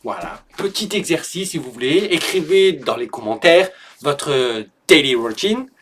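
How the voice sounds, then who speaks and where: A man teaching English in an online lesson, patiently explaining grammar and repeating each phrase slowly and clearly for learners. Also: a little high, lively intonation, a bit bright.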